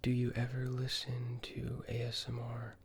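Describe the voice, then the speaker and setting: An ASMR host speaking in a soft, breathy, soothing whisper, gently asking the listener questions with long pauses, close to the microphone. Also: medium pitch, monotone. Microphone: close ear-to-ear microphone.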